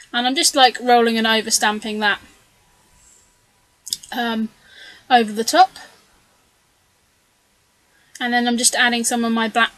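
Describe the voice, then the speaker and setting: A scrapbooking video creator gives casual voice-over narration of her craft process, her slightly high, somewhat bright voice a bit strained because she's losing it. She's chatty and rambling, full of ums, asides, and self-corrections. The audio is poor, with no room sound.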